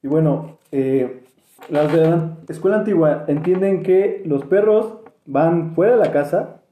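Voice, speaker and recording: A man's voice: on the high side, unhurried, warm tone, roomy sound. A man with a Mexican accent, musing in a casual podcast chat, hedging with many fillers. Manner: hesitant and reflective, many fillers and restarts. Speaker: podcast co-host.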